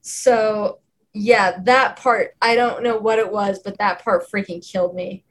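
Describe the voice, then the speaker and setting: A young adult woman co-hosting a podcast, chatting casually about films, animated and quick to laugh. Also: medium pitch. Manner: animated, laughs often, self-described film nerd. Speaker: podcast co-host. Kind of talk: casual film discussion.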